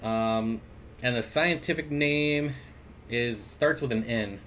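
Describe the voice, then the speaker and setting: Speaking slowly into a desk mic at his computer, a man runs a home aquarium livestream, chatting loosely and reading viewer comments between jokey asides. His middle-pitched voice has a fairly bright tone, and a faint room hum sits underneath.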